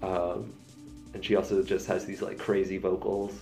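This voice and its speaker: Deep-voiced rambling male podcast host. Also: level tone, normal speed, creaky, darkish tone, soft background music. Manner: rambling, many fillers and laughs. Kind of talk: casual music discussion.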